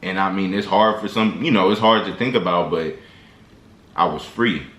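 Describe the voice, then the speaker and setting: His voice sits low, a bit bright, at a moderate pace. This male vlogger talks motivation to camera in a casual, slangy, rambling style, starting over often, with echo from the room around him.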